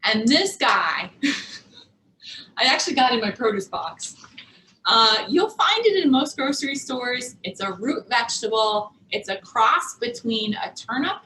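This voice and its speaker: A woman nutrition coach in a casual cooking demo, chatty and quick to laugh, with lots of "like" in her talk. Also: fairly high pitch, big pitch swings, bright, forceful tone, a little hiss or hum. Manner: chatty, laughs often, says "like" a lot. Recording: echoey room.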